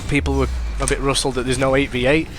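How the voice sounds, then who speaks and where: Talking fast in a medium-pitched voice, this sniffly, stuffed-up young man narrates his own gameplay, wandering off track and fixing his words mid-sentence. His reactions are excitable, and a little hiss or hum sits in the recording.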